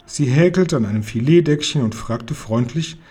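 Ein Mann, der ein Kinderbuch lebendig und ausdrucksvoll vorliest. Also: male voice, mid-range voice, expressive, moderate pace, dark tone, slightly rough. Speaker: reader. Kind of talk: reading a children's book aloud.

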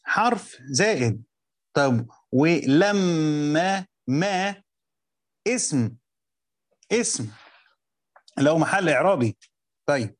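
A man with an Egyptian accent teaching a class on Quranic commentary. He explains step by step, repeats words and reads quoted text slowly. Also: a little high, animated, no room sound, studio quality. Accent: Egyptian Arabic. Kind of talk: classroom lecture with text reading.

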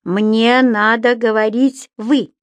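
A woman voicing a pompous, irritable male senior schoolteacher who scolds and shouts in a storybook reading. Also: a little high, steady tone, slow, no room sound. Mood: stern. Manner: stern, shouting, indignant.

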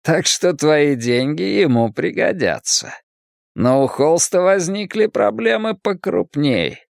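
A man voicing a cold, calculating young male gang leader who speaks slowly and with quiet menace. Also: fairly high pitch, very animated, gravelly, no room sound, studio quality, pitched above the performer's own voice, heavily acted. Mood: coolly menacing. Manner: slow, measured, quietly menacing.

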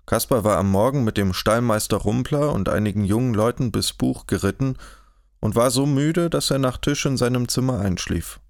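A man narrating a historical novel in an audiobook, in a measured, even storytelling manner, close to the mic. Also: medium pitch, vocal fry, no echo. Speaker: audiobook reader. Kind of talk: scripted narration.

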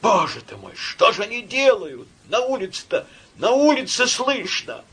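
A man's voice: sits high, very animated, moderate pace, fairly bright tone, slightly rough, pitched above the performer's own voice, exaggerated voice. A man voicing a panicky, timid middle-aged landlord who stammers in fright. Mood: frightened whining.

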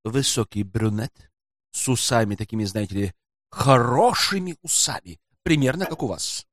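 A man voicing a sly, greedy hotel porter who talks in a folksy, servile, hushed way in an audiobook. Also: mid-range voice, expressive, moderate pace, slight background noise, lightly acted. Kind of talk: audiobook character voice.

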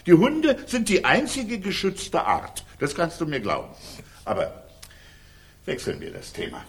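An actor playing an exasperated, sardonic husband in a radio play, with dry sarcasm that turns to pleading. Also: male voice, fairly high pitch, huge pitch swings, measured pace, vocal fry, a bit bright, slightly rough, heavily acted. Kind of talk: 1990 radio play acting.

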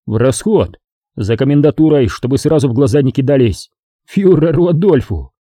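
A man voicing a gruff middle-aged partisan commander who gives curt, commanding orders. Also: mid-range voice, animated, normal speed, dark tone, dry recording, studio quality, natural voice.

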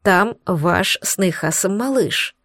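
Woman narrator voicing a warm-hearted, sly demoness, calm and teasing, dry studio read. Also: mid-range voice, moderate pace, vocal fry, dry recording. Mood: reassuring.

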